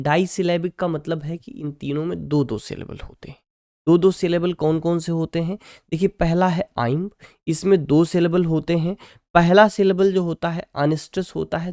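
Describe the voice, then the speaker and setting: Definitions get dictated very slowly in this English literature class, taught by a man switching between Hindi and English. He constantly asks his students "ठीक है", and his voice is a little high with a darkish tone.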